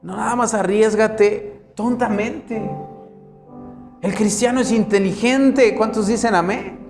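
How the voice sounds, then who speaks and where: A male pastor delivering a dramatic sermon, swinging between loud, quick bursts and quiet, slow passages. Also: sits high, fairly even intonation, roomy sound, soft background music. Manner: dramatic preaching with wide swings in loudness and pace.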